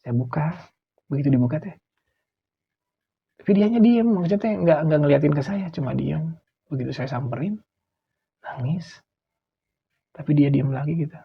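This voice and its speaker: Middle-aged sundanese-accented guy spinning a spooky tale, gravelly husky voice, kinda muffled lo-fi audio. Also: a little high, normal speed, pauses often. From West Java, Indonesia. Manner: animated, acts out quotes, drops to near whispers. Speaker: guest storyteller. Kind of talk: casual ghost-story telling. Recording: dull lo-fi sound.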